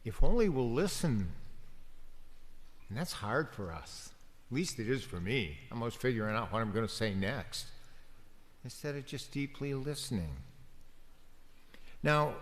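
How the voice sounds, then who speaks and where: A man, a deacon, giving a homily in a gentle, conversational preaching manner with pauses. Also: medium pitch. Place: church. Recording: long church reverb.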